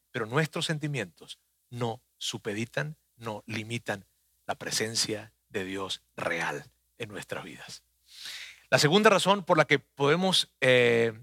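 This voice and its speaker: A man's voice: medium pitch, pushed and bright, dry recording, clean studio sound. A man, preaching a conversational sermon that speaks earnestly and personally to the listener.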